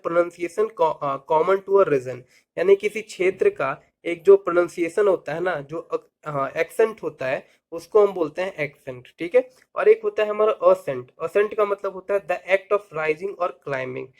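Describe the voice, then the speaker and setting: Brief: higher-voiced male tutor, question-and-answer teaching, spells words slowly. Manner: explains with rhetorical questions and mnemonics. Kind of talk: vocabulary lesson.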